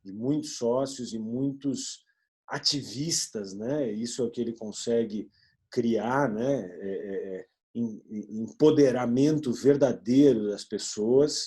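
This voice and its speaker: A man in his forties from southern Brazil speaks haltingly in a video meeting, stopping often on fillers. His voice sits at a middling pitch, dark and mellow in tone, with a husky edge. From Rio Grande do Sul, Brazil. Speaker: business partner.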